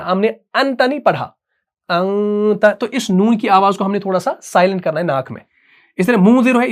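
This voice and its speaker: A man teaching Quran recitation. He talks patiently and repeats himself, slows down to dictate terms, and keeps asking whether the point is clear. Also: high voice. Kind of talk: dictated classroom lesson.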